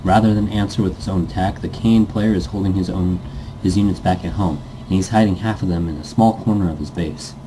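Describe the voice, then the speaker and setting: Against a noisy background, a let's player with a deep voice reads a story briskly and with fairly even intonation. He trips over the text now and then, corrects himself, and cracks goofy, playful asides.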